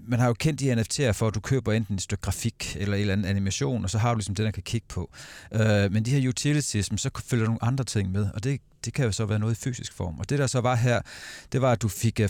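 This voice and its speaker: A man speaking as a guest in a casual panel discussion, pausing often with fillers and restarting sentences. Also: fairly low pitch, darkish tone, no echo. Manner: hesitant, many fillers and restarts.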